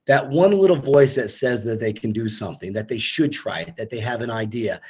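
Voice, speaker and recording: Husky-voiced emphatic male founder. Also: fairly high pitch. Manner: emphatic, motivational, speaks in quick punchy lists. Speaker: startup founder, interview guest. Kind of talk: conversational interview.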